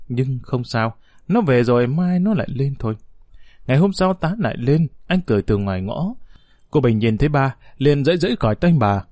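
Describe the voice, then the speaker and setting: A man's voice: mid-range voice, mellow, no room sound, clean studio sound. A man narrating a story as an audiobook, expressively voicing the characters.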